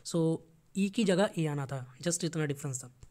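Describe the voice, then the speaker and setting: Guy teaching words, says each one twice, patient, really unhurried. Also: fairly high pitch, darkish tone. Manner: short plain explanations, patient. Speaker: IELTS teacher. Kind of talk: vocabulary lesson, mixing Hindi and English.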